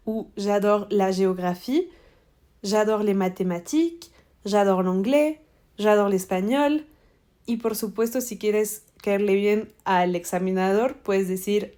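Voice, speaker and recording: A woman teacher leads a French exam-prep lesson at an unhurried, measured pace. She switches between explanations and model answers, saying each answer slowly and often twice so students can follow. Her pitch sits in a middle range. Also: mellow. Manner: slow, deliberate, repeats model answers.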